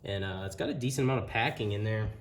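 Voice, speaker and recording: Speaking fast in a voice on the low side, an amateur motorcycle reviewer casually demonstrates the product hands-on. His delivery is plain and somewhat hesitant, captured in a clear recording with steady background noise.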